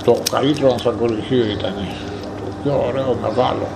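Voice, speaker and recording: A man's voice: medium pitch, fairly even intonation, vocal fry. An older man from northern Greece, a former coal miner, telling his life story in a rambling, vivid way and acting out old conversations. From Thrace, northern Greece. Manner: rambling, vivid, acts out dialogue. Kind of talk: storytelling interview. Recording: noisy background.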